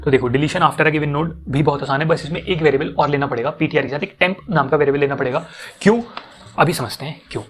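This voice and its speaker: A man's voice: fairly high pitch, fast talker, fairly bright tone. A young man explaining code step by step to students in a casual teaching manner, often repeating himself and checking that they follow.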